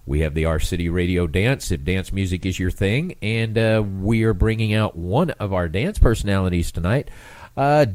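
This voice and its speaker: A man's voice: fairly low pitch, a little mellow, no echo. A male radio host with a stuffed-up nose, chatting in a rambling way and often restarting his phrases. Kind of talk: casual radio interview.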